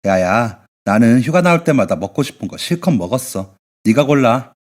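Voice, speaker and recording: A man's voice: mid-range voice, sing-song, moderate pace, a little mellow. A man voicing a young man who teases his younger sister in a radio drama. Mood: teasing. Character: young man, teasing older brother on army leave.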